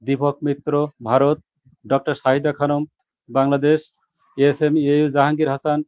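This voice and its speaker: একঘেয়ে সুরে নাম পড়া পুরুষ. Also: male voice, a little high, moderate pace, clear, resonant tone, no echo. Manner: steady, monotone listing. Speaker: book editor. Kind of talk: reading a list of contributors. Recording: dull lo-fi sound.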